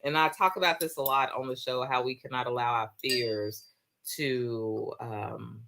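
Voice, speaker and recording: Animated, slangy woman host. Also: extremely low pitch, a little slow, gravelly. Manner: animated, slangy, acts out quoted friends. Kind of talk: casual chat reading listener comments.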